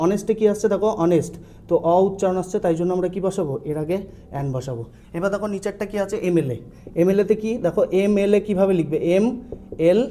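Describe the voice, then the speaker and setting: A high-voiced man with a Bengali accent teaches an online grammar lesson at a brisk clip. His tone is mellow and warm rather than bright. He keeps asking the students questions and then answers them, repeating the key sounds as he goes.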